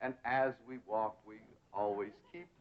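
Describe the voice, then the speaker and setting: A man's voice: fairly low pitch, steady tone, a little slow, slight background noise, natural voice. An actor playing a pompous young man who fancies himself a cultured drama teacher, speaking in grand, theatrical tones. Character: pompous young man tutoring a country girl. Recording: dull 1960s TV soundtrack.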